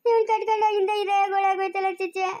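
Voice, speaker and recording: A woman's voice: extremely high pitch, level tone, very fast, darkish tone. A woman with a rural Chikkaballapur Kannada accent, playing a crying, distraught young wife of a drunkard in an amateur family drama. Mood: tearful pleading. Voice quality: tearful, pleading.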